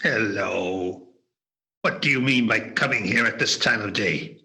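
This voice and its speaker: An amateur actor reading Ebenezer Scrooge in a radio play over a video call, a gruff old miser grown kindly. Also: male voice, fairly low pitch, unhurried, exaggerated voice. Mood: mock-gruff. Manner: gruff growl put on, then warm and humble.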